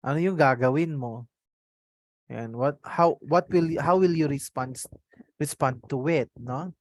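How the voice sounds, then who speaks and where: A Filipino online trainer with a mid-pitched voice teaches in a mix of Tagalog and English. The native Tagalog speaker switches language mid-sentence and keeps adding little check-in tags. The sound is close and dry, with very little room. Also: unhurried, dry recording. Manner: frequent tag questions checking on listeners. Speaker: trainer leading an online customer service course. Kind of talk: interactive online lesson.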